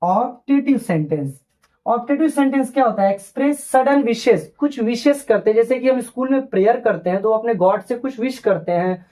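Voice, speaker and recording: A man's voice: very high voice, dark tone, low-quality recording. Patient male teacher explaining grammar. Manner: patient, repeats each point and spells out English examples slowly. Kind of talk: grammar lesson for children.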